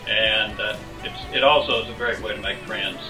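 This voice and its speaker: Measured low-voiced university president. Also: male voice, steady tone. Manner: measured, halting. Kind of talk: interview answers. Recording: roomy sound from a distant mic with music behind.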